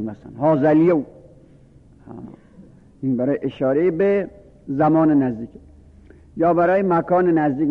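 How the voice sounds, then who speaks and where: A man teaching a grammar lesson, patiently listing and drilling word forms one by one. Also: mid-range voice. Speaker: religious studies teacher. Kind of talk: lecture on Arabic grammar. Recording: phone-like lo-fi audio with long reverb.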